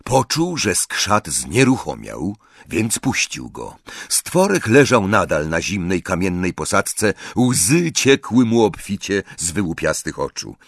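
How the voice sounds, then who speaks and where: A man narrates an audiobook slowly and expressively, close to the mic. His voice is gravelly and husky, and his pitch ranges very widely. The room is dry, with no echo. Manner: expressive, unhurried storytelling. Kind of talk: scripted narration.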